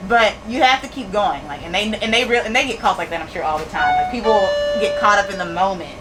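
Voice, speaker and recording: Over loud music on a rough recording, a store owner in her thirties talks fast in a mid-range voice full of lively intonation. She's a candid interview guest in a casual setting, repeating phrases and laughing easily.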